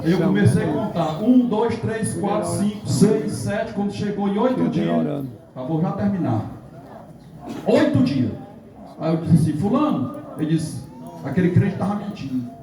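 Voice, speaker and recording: A man's voice: high voice, normal speed, creaky, dark tone. Fervent man testifying. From Northeast Brazil. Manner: fervent storytelling, acting out dialogue, rising to exclamations. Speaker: police officer giving testimony. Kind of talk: church testimony. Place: church hall. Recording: echoey hall mic from far off with congregation.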